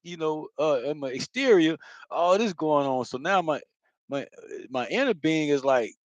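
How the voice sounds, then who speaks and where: A man's voice: fairly high pitch, expressive, normal speed, no room sound. A man giving a loose, profane spiritual monologue, talking casually with lots of fillers. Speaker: spiritual vlogger.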